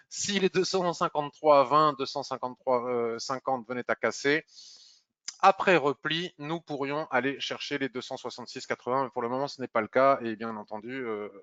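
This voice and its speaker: A man's voice: medium pitch, a bit bright, no room sound, highs cut off. Chatty man walking through trading charts. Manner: chatty, hesitant with many "euh" fillers. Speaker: market analyst. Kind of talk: screen-share market review.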